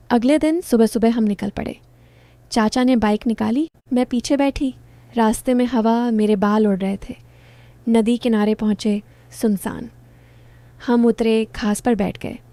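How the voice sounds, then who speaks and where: A woman narrating a first-person story in short, clipped phrases, soft and intimate. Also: on the high side, no room sound.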